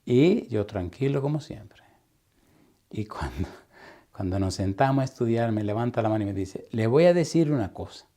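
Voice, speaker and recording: A man preaching as a pastor in Sabbath school, telling a story and acting out its dialogue, sometimes dropping to a hushed whisper. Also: mid-range voice, lively intonation, normal speed. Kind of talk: Sabbath school Bible teaching.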